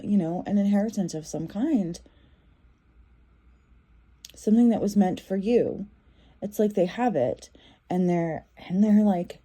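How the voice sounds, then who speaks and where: A woman's voice: mid-range voice, warm tone. A woman giving a casual tarot reading, talking in a loose, repetitive way with many fillers and restarts. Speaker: tarot reader.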